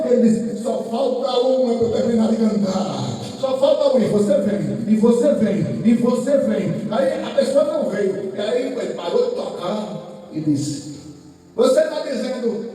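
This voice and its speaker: Man preaching, high mellow voice, storytelling with shouted peaks, echoey church hall from far off with faint music. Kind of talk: sermon testimony.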